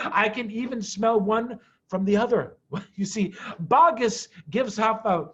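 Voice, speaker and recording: A man's voice: sits high, slow pace, a bit bright, husky, highs cut off, voice pushed up, heavily acted. A man voicing a cocky, charming fox husband from a storybook, boastful, playful and fond. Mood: boastful, amused.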